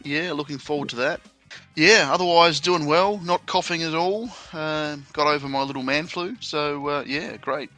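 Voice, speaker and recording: A man's voice: a little high, moderate pace, sharp tone, faint music behind. A middle-aged man chatting casually as a podcast co-host. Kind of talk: casual chat.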